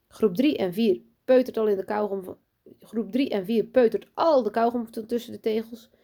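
A woman voicing a strict, pompous headmistress in a children's storybook reading, loud, high and commanding. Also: gravelly, lightly acted. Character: strict pompous female headmistress, bossy and boastful.

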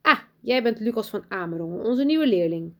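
A gushing, flustered headmistress from a children's storybook, put on by a woman narrator. Her voice jumps high and bright, with a slight gravel underneath. She stammers when excited. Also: moderate pace. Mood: welcoming. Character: flustered, eager female school head.

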